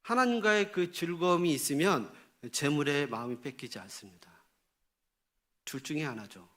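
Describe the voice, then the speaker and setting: A man preaching a Sunday sermon as a pastor. He reads scripture slowly, then acts out God's rebuke in lively exclamations and asks the congregation rhetorical questions. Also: on the high side.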